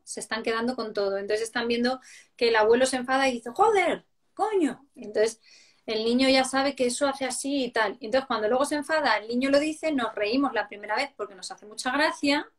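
Animated woman explaining parenting. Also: on the high side. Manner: lively, acts out quoted voices, explanatory. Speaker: parenting educator. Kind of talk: conversational interview answers.

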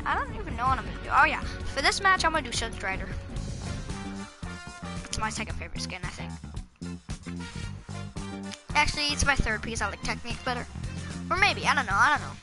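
A woman giving casual, excitable and silly commentary while playing a video game. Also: fairly high pitch. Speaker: gaming channel host. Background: game music.

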